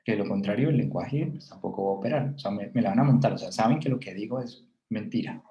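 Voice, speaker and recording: A man's voice: on the low side, quick pace, warm tone, echoey room, lo-fi sound. A man with a Colombian Spanish accent gives a university class lecture, explaining as he goes, thinking aloud with fillers and restarts.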